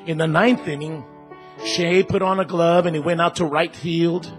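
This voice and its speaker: Male church storyteller, slightly high voice, unhurried and deliberate, soft instrumental music behind. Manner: slow, deliberate storytelling, building in excitement.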